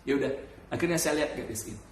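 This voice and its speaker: Male pastor, animated sermon storyteller, mid-pitched voice, roomy echo, faint background hum. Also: racing. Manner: animated storytelling with sudden high bursts and laughs. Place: church.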